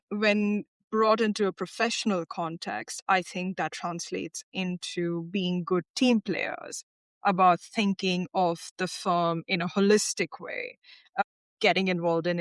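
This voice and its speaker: A woman's voice: lowish voice, dry recording. Woman, podcast guest, reflective, restarts, dry close mic. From India. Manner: thoughtful, frequent restarts. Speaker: lawyer, interview guest. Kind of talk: podcast interview.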